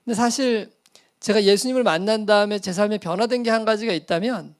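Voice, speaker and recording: A man's voice: high voice, fairly quick, clean tone. A middle-aged male pastor telling a personal story in a sermon, acting out the voices and laughing at himself.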